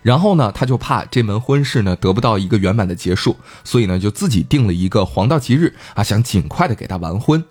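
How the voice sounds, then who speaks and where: A man hosting a podcast, telling a folk tale in a chatty, animated way. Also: lowish voice, fast, hardly any pauses, breathy edge, soft background music. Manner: chatty, animated, laughing asides. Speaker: podcast host. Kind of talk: casual storytelling.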